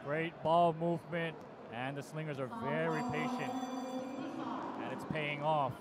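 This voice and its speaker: A man from the United States doing play-by-play commentary on a live basketball game, his voice jumping up on big plays. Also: a little slow. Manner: excited calls that jump in pitch on big plays. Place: basketball arena broadcast booth. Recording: loud arena crowd noise behind.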